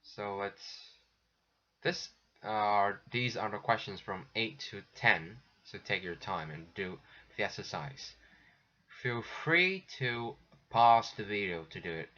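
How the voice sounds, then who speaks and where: A man with a fairly low pitch guides listeners through textbook exercises as an English teacher, sounding pushed and bright with lively intonation. His manner is slow and patient, with many restarts, and the lesson recording sounds dull and lo-fi.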